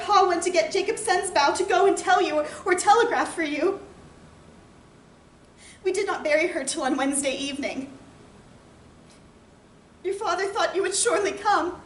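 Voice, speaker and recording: A woman on stage plays a loving, anxious 1860s farm wife, her voice high and earnest. She uses plain, old-fashioned phrasing, like heartfelt letters turned into a theatrical monologue. The recording sounds roomy, distant, and a bit bright, with some background noise.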